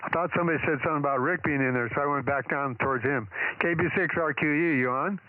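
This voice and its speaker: A man's voice: fairly high pitch, fast. A man on a two-way radio net, matter-of-factly relaying call signs and checking who is on. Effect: two-way radio transmission with heavy static. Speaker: amateur radio net operator. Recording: tinny radio with loud hiss.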